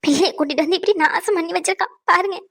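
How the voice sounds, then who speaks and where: Woman doing a complaining cartoon mom, bitter, high and quick. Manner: complaining, scornful. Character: indignant middle-aged mother, scolding and bitter.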